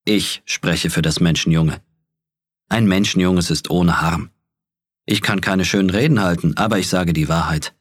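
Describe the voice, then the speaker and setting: A man voicing an old, sleepy brown bear who speaks gruffly and earnestly in an audiobook. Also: low voice, moderate pace. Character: old sleepy brown male bear, plain-spoken teacher. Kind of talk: audiobook character voice.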